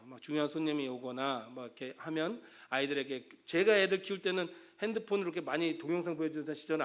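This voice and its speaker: Middle-aged pastor guy giving a sermon, kinda high-ish voice, casual and talky, does little voices for parents and kids. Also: a bit bright. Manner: conversational, acts out quoted parents and children.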